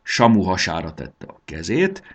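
A man narrating a children's storybook in an expressive storytelling manner. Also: low voice, a little hiss or hum.

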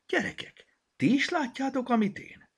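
A kindergarten teacher's voice, raised high and exclaiming, giving the children orders, as a male reader acts her out. A gravelly, husky texture runs under it in this read-aloud storybook. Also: big pitch swings, full character voice. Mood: alarmed. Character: kind kindergarten teacher, woman.

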